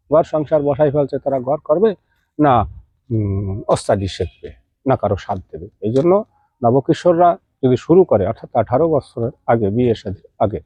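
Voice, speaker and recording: A man's voice: medium pitch, dry recording. Man teaching folk remedies, dull lo-fi sound. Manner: informal, addresses listeners directly with questions. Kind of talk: casual spoken instruction to viewers.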